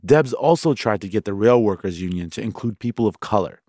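A man's voice: on the low side, animated, a little fast, a little mellow, dry recording, studio quality. A man hosting and narrating a documentary in a scripted storytelling style. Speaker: host and narrator. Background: music.

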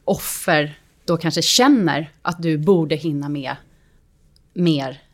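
Woman, host, low voice, supportive follow-up questions. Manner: brief agreeing interjections, follows up with questions. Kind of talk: casual chat.

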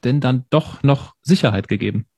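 A man hosting a podcast, asking measured, probing interview questions. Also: medium pitch, a little mellow, breathy edge, dry recording, clean studio sound. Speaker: podcast host.

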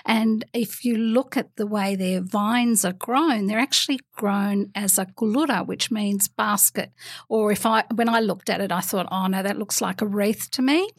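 A woman's voice: mid-range voice, normal speed, dry recording, studio quality. A woman with an Australian accent chatting casually about travel, with lots of ums and easy laughter. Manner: chatty, hesitant with many ums, laughs easily. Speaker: travel guest. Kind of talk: casual chat.

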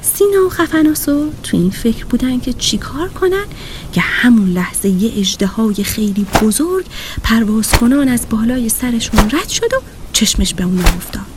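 Animated woman telling a children's story. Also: on the high side, noisy background. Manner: expressive and animated.

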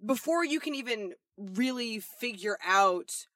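A woman's voice: on the high side, expressive, unhurried, a bit bright, no room sound, studio quality. A woman co-hosting a podcast, responding in a thoughtful, affirming way. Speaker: podcast co-host. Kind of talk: casual conversational podcast.

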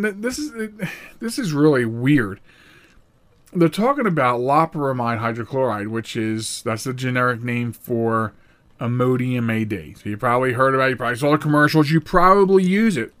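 On his one-man podcast, a middle-aged host talks in a meandering, lively fashion. Frequent false starts and sudden pitch spikes mark the points he wants to emphasize.

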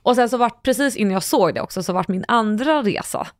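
A woman's voice: medium pitch, animated, no room sound, studio quality. A young woman co-hosting a podcast, chatting in a candid, confessional way and laughing often. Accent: Swedish. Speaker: podcast co-host. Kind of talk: casual chat.

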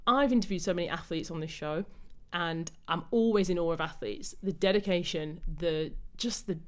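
A woman's voice: on the low side, moderate pace. A woman hosting a podcast, talking enthusiastically and reflectively in a casual conversation. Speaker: podcast host.

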